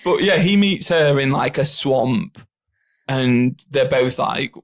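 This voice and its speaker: A man's voice: medium pitch, slow pace. A man co-hosting a podcast, chatting loosely about a film, rambling and laughing often. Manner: rambling, laughs often, slips into silly voices. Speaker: podcast co-host. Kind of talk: casual film chat.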